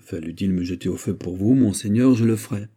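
A man's voice: lowish voice, fairly quick, dark tone, husky. A man voicing a fawning, middle-aged prison governor in an audiobook reading, speaking deferentially.

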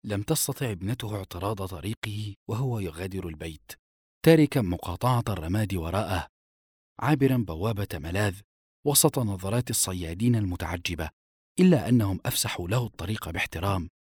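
A man narrating a novel as an audiobook in expressive storytelling style. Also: low voice, fast talker, breathy edge, no room sound, studio quality. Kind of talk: scripted narration.

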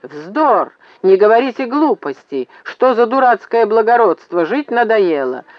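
A hoarse, frantic middle-aged man yells impatiently over the noise, as a male reader puts him on. His pitch rides high and his throat sounds strained. The sound is dry and slightly dull. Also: lively intonation, a little slow, no room sound. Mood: scornful. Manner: yelling, impatient. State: hoarse from shouting. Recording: slightly muffled dry recording.

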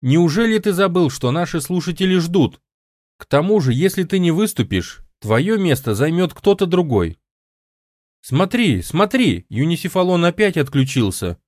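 A man reading an audiobook voices an insistent woman colleague, raising his voice high and speaking urgently. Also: sing-song, normal speed, darkish tone, no room sound, clean studio sound. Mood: pleading. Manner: urgent, pleading. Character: earnest young woman colleague, pleading and insistent.

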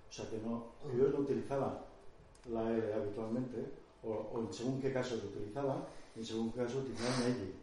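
Casting: male lecturer, mellow, relaxed and conversational, recorded from afar in a boomy hall. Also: a little fast. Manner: conversational, explains with examples, thinks aloud. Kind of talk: conference talk with audience questions. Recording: echoey hall, distant mic, faint noise.

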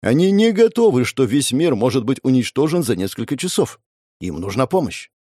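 A man narrates a first-person fantasy novel with a lively, swinging delivery. He leans into the dramatic moments and voices the characters' shouts. The sound is dry and close, with no room at all. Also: medium pitch, a little fast, slightly rough, dry recording. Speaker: audiobook reader.

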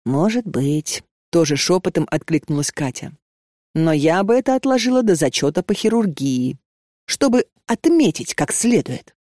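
A woman's voice: on the low side, sing-song, normal speed, mellow, no echo, clean studio sound. A reader voicing a wry, sensible young female student speaking in a whisper.

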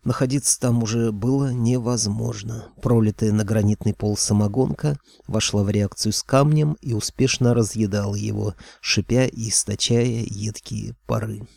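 A man's voice: fairly low pitch, steady tone, normal speed, gravelly, hardly any pauses, a little mellow, no echo. A man narrating a first-person fantasy audiobook in a wry, conversational way.

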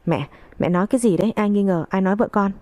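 A woman's voice: mid-range voice, quick pace, darkish tone, dry recording, close to an everyday voice. A woman reading the part of an anxious young husband asking urgent questions, in a storybook narration. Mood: worried.

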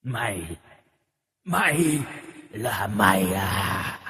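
A man voicing a cruel, gloating male demon with a thick, hoarse voice and slow, taunting speech. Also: fairly low pitch, very animated, bright, forceful tone, voice pushed down, exaggerated voice. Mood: fearful. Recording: long echoing reverb, from far off.

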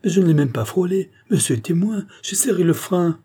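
Narrator voicing a panicky, defensive chauffeur, pitched high and loud. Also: male voice, animated, a little fast, slightly rough, heavily acted. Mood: panicked. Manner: shouting, protesting. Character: panicked, pleading male chauffeur.

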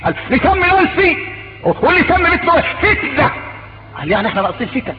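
Male Egyptian preacher, very high, quick delivery, animated, mocking; old muffled noisy tape. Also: music in the background. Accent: Egyptian Arabic. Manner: animated, mocking asides, acting out dialogue. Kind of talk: sermon. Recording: dull lo-fi tape with background noise.

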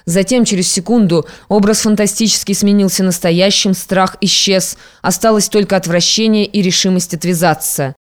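A narrator reading classic literary prose in a steady, measured way. The pitch sits in the middle range. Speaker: audiobook narrator.

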